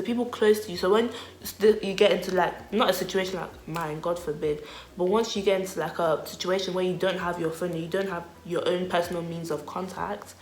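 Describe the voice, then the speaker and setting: A young woman telling a storytime vlog in a chatty, animated way, full of 'like'. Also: on the low side. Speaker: vlogger. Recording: echoey room.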